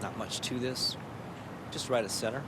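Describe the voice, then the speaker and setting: A man's voice: mid-range voice, moderate pace. A man giving conversational live golf commentary in short, clipped observations. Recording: noisy outdoor ambience.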